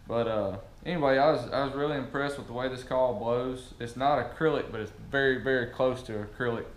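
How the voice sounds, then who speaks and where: A man in his thirties with a Southern US accent, giving a casual product review to camera in a workshop. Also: medium pitch. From southern United States. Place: large metal-roofed workshop or garage, indoors. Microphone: camera at about arm's length or farther. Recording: echoey metal-roofed room with noise.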